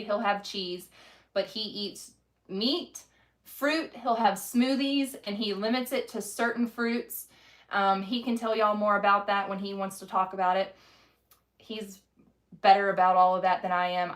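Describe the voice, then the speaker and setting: A woman's voice: mid-range voice, a bit bright. A woman, a mother of five chatting candidly in a casual home vlog, rambling and self-deprecating. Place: home kitchen.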